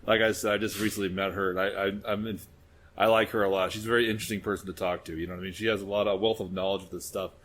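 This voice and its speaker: Lower-voiced male podcast host. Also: level tone, rapid-fire, fairly bright tone. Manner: casual, swears. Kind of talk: casual chat.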